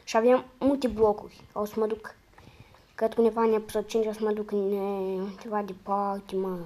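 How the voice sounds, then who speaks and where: A woman with a hoarse, medium-pitched voice and a flat delivery comments on a game in casual slang. She mutters to herself, then breaks into sudden loud outbursts, gamer style.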